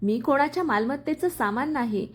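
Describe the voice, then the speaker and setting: A woman's voice: high-pitched, animated, normal speed. A woman voicing a young husband who speaks firmly and earnestly in a story reading. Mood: stern. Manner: firm, earnest. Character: young husband, firm and protective.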